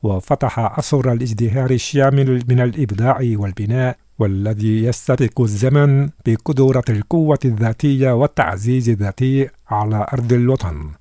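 A man reading scripted news in a slow, measured, solemn delivery. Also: medium pitch, dark tone, dry recording, studio quality. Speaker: news reader.

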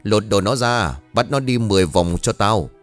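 A man's voice: on the low side, lively intonation, moderate pace, soft background music, close to an everyday voice. A man voicing a cruel, lecherous old village tyrant who sneers and barks abusive orders in an audiobook story. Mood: sneering cruel.

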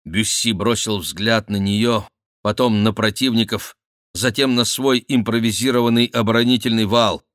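A man narrating an adventure novel as an audiobook, steady and measured. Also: on the low side, no room sound, studio quality.

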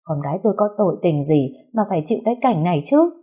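A woman voicing a shrill, outraged older mother-in-law who wails and shouts for the neighbors. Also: very animated, fast, breathy edge. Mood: indignant.

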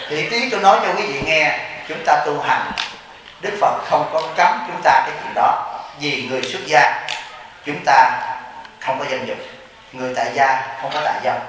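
A Buddhist monk with a Southern Vietnamese accent giving a storytelling Dharma talk, acting out both sides of the dialogues he recounts. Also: fairly high pitch. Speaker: Buddhist monk and temple abbot. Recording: very echoey hall, distant mic, faint noise.

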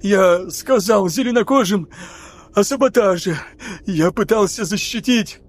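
A man's voice: high-pitched, measured pace, voice pushed up. A man voicing a cowardly young male officer, pleading and frantic. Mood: panicked.

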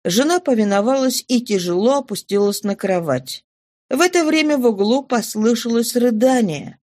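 A woman narrating a classic novel as an audiobook in an even, measured storytelling manner. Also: fairly high pitch, dry recording.

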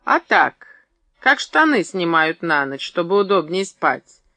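A man voicing a sly, spiteful village gossip who gloats loudly and mockingly. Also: a little high, lively intonation, unhurried, no echo, heavily acted.

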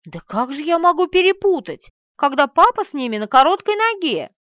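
A woman voicing an excitable, eager young woman in an audiobook. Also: high voice, fairly quick, no room sound, voice pushed up. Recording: dry, slightly dull studio recording.

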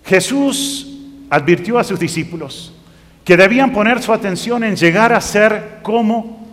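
A man's voice: high-pitched, animated, unhurried. A man preaching a sermon, reading scripture aloud and rising to emphatic bursts. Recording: long reverb of a hall.

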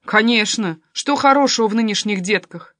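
A woman reading a story, voicing a brash, excitable adult male cousin. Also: medium pitch, moderate pace, dry recording, studio quality, natural voice. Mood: excited. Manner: blunt, exclamatory, impatient.

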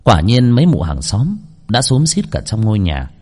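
A man tells a ghost story expressively, in a storytelling manner. His voice is on the low side, and he speaks at normal speed.

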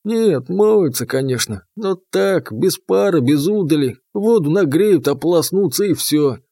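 A man's voice: a little high, animated, a little slow, dark tone, husky, no room sound, clean studio sound, heavily acted. A man voicing an eager, earnest bathhouse spirit in an audiobook. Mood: wistful. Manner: earnest, enthusiastic, pleading.

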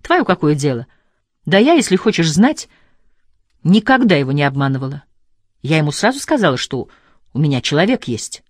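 A woman reading a novel aloud and voicing an impulsive, quick-tempered young woman who scolds and teases. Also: deep voice, no echo, studio quality. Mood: scolding. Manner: lively, scolding, teasing.

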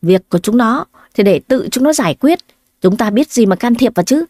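A woman's voice: on the high side, expressive, a little fast, darkish tone, dry recording, clean studio sound. A woman reading the lines of a sly older father-in-law in a spoken story, brushing matters off curtly. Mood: dismissive.

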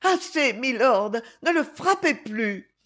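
A spirited young orphan girl with a high, urgent voice that swings widely as she defends the weak, played by a woman reader. Her tone is earnest and heartfelt, with strong moral conviction. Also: sing-song, slow pace, a bit bright, full character voice. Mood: pleading. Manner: pleading, then fiercely indignant. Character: brave orphan girl, compassionate and indignant.

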